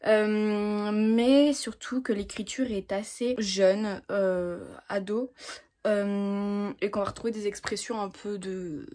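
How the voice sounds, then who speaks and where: A woman's voice: medium pitch, a little mellow. A woman in her twenties chatting casually to her phone camera about her reading week, with many fillers and self-mocking asides. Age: 20s. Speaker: book vlogger. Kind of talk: casual vlog chat.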